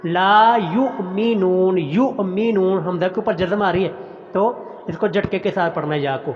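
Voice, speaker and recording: A man teaching a Quran recitation lesson, chanting words slowly and drawn out, then explaining pronunciation in quick plain talk. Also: high voice. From Pakistan. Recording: dull audio with long reverb.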